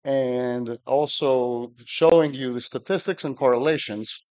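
A man's voice: mid-range voice, measured pace, darkish tone. A middle-aged man from Greece, giving a technical conference talk at a podium with dry humor and frequent fillers. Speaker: conference speaker.

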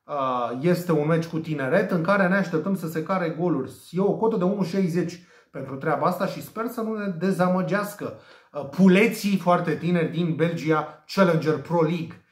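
A man from Romania giving his daily betting tips in a lively, playful way, fumbling over foreign team names. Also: fairly high pitch, reverberant. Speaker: betting tipster.

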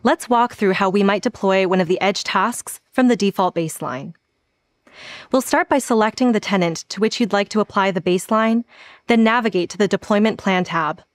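A woman in her thirties presenting a scripted software tutorial with a polished, even delivery, standing on an indoor studio set. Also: medium pitch, normal speed, no room sound. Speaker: product presenter.

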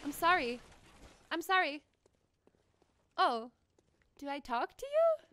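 A young woman streaming a video game, excitable, swearing and laughing as she plays. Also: sits high, slow. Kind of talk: live gameplay commentary.

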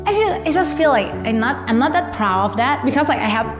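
A woman's voice: sits high, very animated, fast, over music. A woman contestant talking earnestly and hesitantly about feeling unsure of herself. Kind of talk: casual chat. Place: studio set, indoors.

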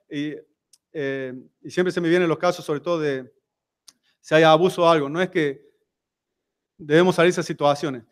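High-voiced Rioplatense man preaching. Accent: Rioplatense Spanish. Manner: talks to the congregation with frequent rhetorical questions. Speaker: seminar speaker at a church. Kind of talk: conversational sermon. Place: church.

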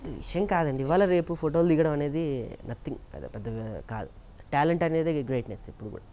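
A man's voice: a little high, brisk. Earnest man telling stories in an interview. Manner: earnest, animated storytelling that acts out quoted voices. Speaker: interview guest, mimicry artist. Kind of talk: casual interview talk.

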